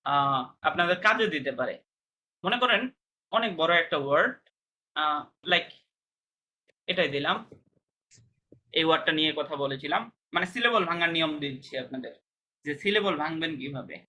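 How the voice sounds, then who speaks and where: A man's voice: fairly high pitch, pushed and bright, slight background noise. A man teaching a language class, patiently explaining pronunciation step by step and checking whether students understand.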